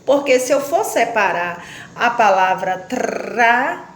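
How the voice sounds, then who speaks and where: Woman, teacher, slow patient phonics explainer, slightly high voice, echoey room. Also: big pitch swings. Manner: slow, stretches out syllables when splitting words; patient and explanatory, asks questions and answers them herself. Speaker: primary school teacher. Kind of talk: classroom phonics lesson. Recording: echoey room with faint background noise.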